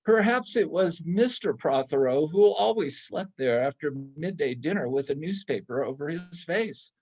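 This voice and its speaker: A man reading literary prose as a storyteller, in measured, deliberate phrases. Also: a little high, expressive, darkish tone. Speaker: reader in a church readers theatre.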